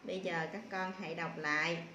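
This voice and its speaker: A woman primary school teacher giving a slow spelling lesson to young children, patiently sounding out syllables one by one with filler pauses. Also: lowish voice, steady tone, sharp tone, roomy sound, slight background noise.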